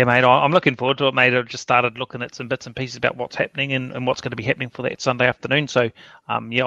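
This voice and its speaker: A man's voice: mid-range voice, sharp tone, no room sound, muffled recording. A man on a casual sports podcast, matter-of-fact and full of mates. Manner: matter-of-fact, says mate often. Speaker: podcast co-host.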